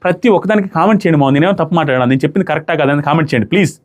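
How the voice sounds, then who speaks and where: A young man giving a casual, animated review of a reality show, acting out quotes as he retells events. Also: a little high, very fast. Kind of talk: casual commentary.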